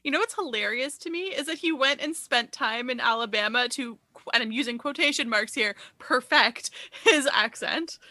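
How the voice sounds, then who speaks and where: A woman's voice: on the high side, normal speed, sharp tone, no room sound. A woman co-hosting a film podcast, dry and dismissive in her remarks. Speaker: podcast co-host. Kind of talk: casual film-review chat. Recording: dry, close to the mic.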